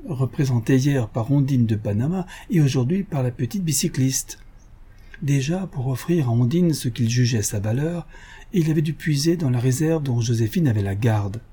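A man narrating an audiobook of a classic novel in a measured, wry storytelling manner. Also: mid-range voice, warm tone, breathy edge.

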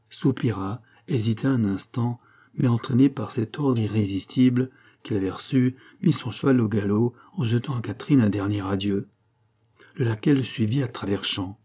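A man narrating a classic novel in a measured and dramatic style. His voice is low and mellow. It has a husky, slightly breathy grain. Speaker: audiobook narrator. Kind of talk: scripted narration.

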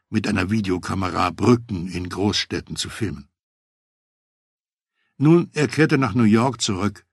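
A man reading a first-person memoir aloud as an audiobook narrator, in a measured, matter-of-fact way. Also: on the low side, breathy edge, no room sound, studio quality.

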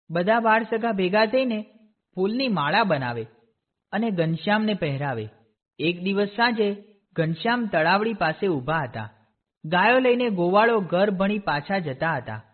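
A man reads a devotional storybook aloud in a steady, clear voice. His voice sits high for a man. The sound is narrow and tinny, like a phone line. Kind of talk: storybook narration.

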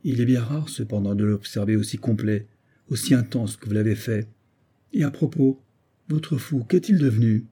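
Man reading a dismissive skeptic passenger, audiobook tale, deep husky tone. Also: normal speed, dark tone, lightly acted. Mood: skeptical. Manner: dismissive, matter-of-fact. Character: skeptical male passenger, brisk and rational. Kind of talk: scripted narration of a classic story.

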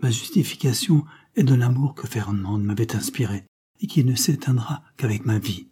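A man's voice: mid-range voice, normal speed, warm tone, slightly rough. A man voicing a cowardly, scheming young nobleman who pleads and then turns defiant, read in a storybook.

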